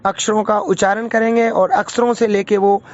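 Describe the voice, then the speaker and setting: A man with a Marwari-influenced Hindi accent, giving an informal spoken lesson, hesitant with fillers and self-corrections, sounding out vowels slowly. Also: high-pitched, level tone. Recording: dull lo-fi recording.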